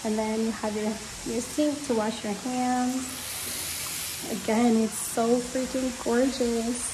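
A woman's voice: a little high, little pitch movement, slow, noisy background. A young woman vlogger gushing as she walks the camera through a holiday villa, talking casually to viewers. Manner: gushing, enthusiastic. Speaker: travel vlogger. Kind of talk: casual room tour. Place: villa rooms and outdoor terrace. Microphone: handheld phone camera.

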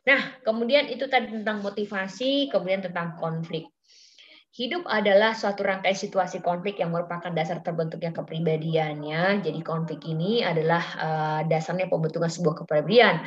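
A woman's voice: fairly low pitch, normal speed. A middle-aged woman giving an informal psychology lecture, chatty and full of fillers, acting out quoted exchanges. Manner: chatty, many fillers, acts out quoted dialogue. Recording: slightly dull lo-fi audio.

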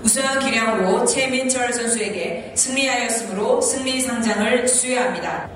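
A woman's voice: fairly high pitch, moderate pace, far from the mic. A woman in her thirties working as a boxing ring announcer, formally calling out the event over a hall PA and drawing out names. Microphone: handheld mic over PA, distant camera. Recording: echoey noisy hall PA, heard from afar.

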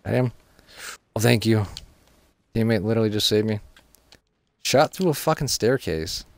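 A man with a low, gravelly voice runs a steady stream of frustrated, profane gameplay commentary. His talk is casual and close to the mic. The sound is dry, with no room echo. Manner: frustrated, profane running complaints.

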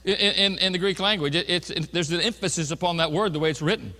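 A man's voice: high voice, fast talker, bright, forceful tone. Emphatic male preacher in echoey church. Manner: earnest, emphatic preaching with many restarts. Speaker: pastor. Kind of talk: sermon. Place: church sanctuary.

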